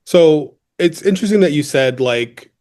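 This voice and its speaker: A man's voice: on the high side, animated, moderate pace, darkish tone. A man hosting a history podcast, reading a scripted intro, then asking loose questions with fillers. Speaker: podcast host.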